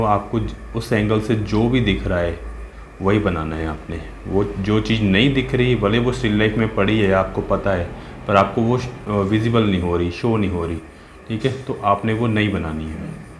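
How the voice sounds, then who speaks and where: Low-voiced man teaching drawing. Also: steady tone, normal speed, a little hiss or hum. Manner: patient, talks while working, asks "है ना?" and "ठीक है?" often. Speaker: art teacher. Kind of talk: casual step-by-step drawing tutorial. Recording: roomy with faint ambience.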